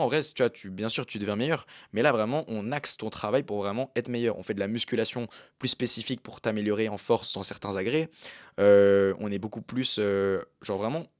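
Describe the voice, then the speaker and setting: A man's voice: lowish voice, dry recording, clean studio sound. A young man in casual chat about his gymnastics training, talking in a slangy, rambling way with many fillers. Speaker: vlogger and amateur gymnast.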